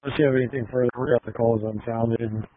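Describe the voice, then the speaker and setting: A man's voice: medium pitch, fairly even intonation, rapid-fire, dry recording. A man, a fire officer, giving clipped, code-heavy dispatch replies over a walkie talkie radio. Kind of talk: terse radio dispatch traffic. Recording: tinny scratchy radio scanner audio.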